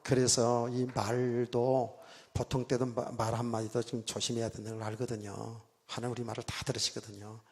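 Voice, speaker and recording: A middle-aged male pastor preaching a sermon, telling a story with loud bursts and hushed asides and often asking his listeners to agree. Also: medium pitch, creaky. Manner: animated storytelling, swings from loud exclamations to quiet asides; keeps asking the congregation for agreement. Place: church sanctuary. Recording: church hall reverb.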